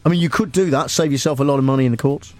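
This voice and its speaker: A man's voice: mid-range voice, racing, a little mellow, dry recording, faint music behind. A man hosting a comic radio talk show, playful and mock-serious, with many fillers.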